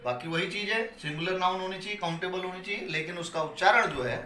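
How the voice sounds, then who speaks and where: High-voiced and fast-talking, the man sounds pushed and bright as he teaches English grammar in Hindi, dropping in Hindi-accented English terms. It's a classroom lecture where he patiently repeats key points and answers the questions he asks, recorded in an echoey room with faint ambient noise.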